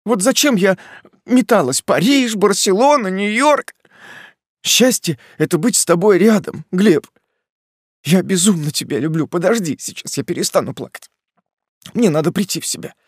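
A man's voice: high voice, expressive, normal speed, husky, no room sound, voice pushed up. A man voicing a young woman who pleads with her fiancé, her voice trembling and breaking as she sobs. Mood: pleading, tearful. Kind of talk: audiobook dialogue.

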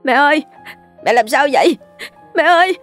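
A woman's voice: mid-range voice, normal speed, a little mellow, faint music behind, close to an everyday voice. A woman voicing a poor, frightened young boy who pleads through tears. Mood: pleading sobbing. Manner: crying, pleading.

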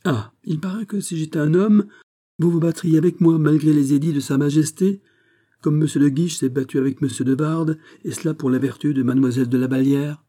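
A man reading an audiobook, voicing a haughty, sharp-tongued young princess with ironic, exasperated questions. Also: mid-range voice, moderate pace, lightly acted.

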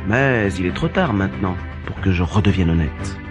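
A bold young gentleman thief, acted by a man, speaks with boastful, lively delivery over storybook music. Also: sits low, moderate pace, pitched below the performer's own voice. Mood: proud. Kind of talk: storybook dialogue.

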